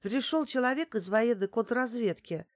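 A woman's voice: sits high, a little slow, pitched above the performer's own voice. A woman reading the part of a frightened female phone operator who stammers and nearly cries, in an audiobook. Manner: stammering, panicky.

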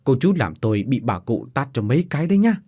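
A man's voice: medium pitch, big pitch swings, fast, warm tone, breathy edge. A man voicing a wry, rueful older village man in a spoken ghost story.

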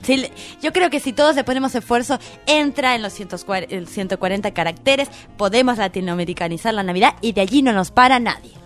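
A woman with a somewhat high voice delivers a comedic radio column. She sounds playful and impassioned, like she is rallying listeners to a campaign. Soft music sits faintly behind her. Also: expressive, fast talker, few pauses. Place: radio studio.

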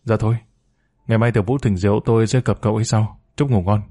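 Male narrator doing a courteous gentleman, brisk and polite, mellow low tone, storybook role. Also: fairly even intonation, natural voice. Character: polite, courteous young man of a household.

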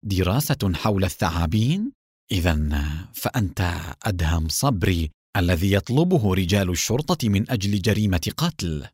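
A man's voice: lowish voice, animated, a little fast, darkish tone, no echo, clean studio sound. A man voicing a sly, cunning male villain in an audiobook. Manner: sly, smooth-talking.

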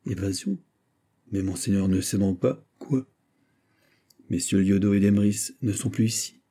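A fawning prison governor, eager and deferential, read by a man. The voice is low, dark and husky. An audiobook character reading. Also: unhurried. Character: obsequious middle-aged male prison governor.

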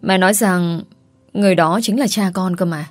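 A man's voice: sits high, fairly even intonation, normal speed, no room sound, faint music behind, natural voice. A man voicing a tearful little boy pleading with his mother in an audiobook. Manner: sobbing, pleading. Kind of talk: audiobook character reading.

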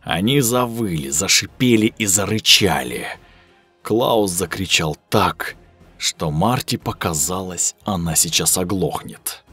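A male storyteller reading a horror tale in measured, hushed tones. His voice is husky, with a lively rise and fall. It is recorded dry and close, with soft music underneath. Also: low-pitched, no echo. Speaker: narrator. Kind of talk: scripted horror story narration.

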